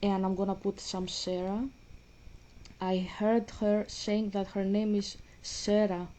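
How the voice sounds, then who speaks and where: Speaking a little slowly, this woman's voice is mid-pitched, level, and mellow. She's a vlogger from Greece with a Greek accent, casually commenting as she plays a game, rambling and starting her sentences over.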